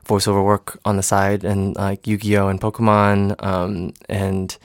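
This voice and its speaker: Young man from Michigan, fairly low voice, dry close sound, casual interview guest, halting with lots of ums. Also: completely flat delivery, dry recording. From Michigan, United States. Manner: hesitant, many fillers and restarts. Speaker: interview guest, stage actor and singer.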